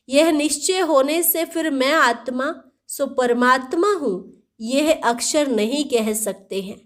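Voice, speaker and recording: Woman, devotional recitation, slow and deliberate, fairly high voice, repeats key phrases. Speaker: reader of daily spiritual teaching.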